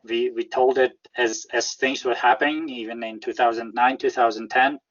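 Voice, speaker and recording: Russian accent guy being interviewed, careful and halting, repeats words, kinda muffled lo-fi audio. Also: mid-range voice, fairly even intonation. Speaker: interview guest, whistleblower. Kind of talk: conversational interview.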